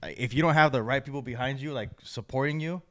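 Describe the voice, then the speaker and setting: Fast-talking young man in casual chat. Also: mid-range voice, fairly bright tone. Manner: loose, rambling, swears casually. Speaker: podcast co-host, athlete guest.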